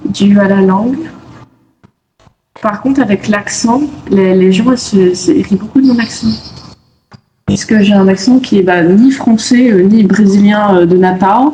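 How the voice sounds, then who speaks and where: A young French woman, a student guest in a casual interview, explains her views reflectively and thoroughly. Her mid-range voice is warm and moderately paced, recorded in an echoey room with faint noise.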